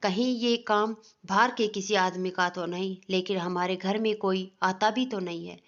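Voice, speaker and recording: A woman's voice: mid-range voice, steady tone, normal speed, natural voice. A woman voicing a stern middle-aged mother-in-law in a storybook family tale, suspicious and scolding. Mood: worried. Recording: dull lo-fi recording.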